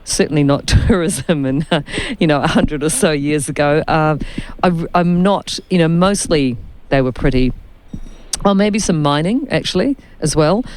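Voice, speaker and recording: A woman hosting a radio chat, telling chatty personal anecdotes in a relaxed, conversational way. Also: sits low, normal speed, a little hiss or hum. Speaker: radio host.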